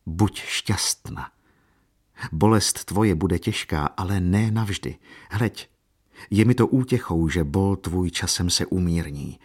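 A man reading the gentle farewell words of a dying young man, in a soft, consoling manner. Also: sits low, slightly rough. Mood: tender farewell.

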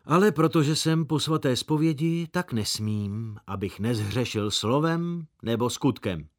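A man's voice: mid-range voice, animated, lightly acted. A man voicing a sulky, prim village boy who speaks sanctimoniously and makes threats. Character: sulky pious village boy, just after confession.

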